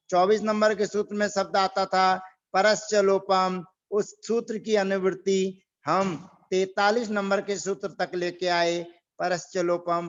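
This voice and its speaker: Guy teaching grammar class online, slow and repetitive, kinda muffled audio. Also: sits high. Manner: slow, repeats rules and drills pronunciation.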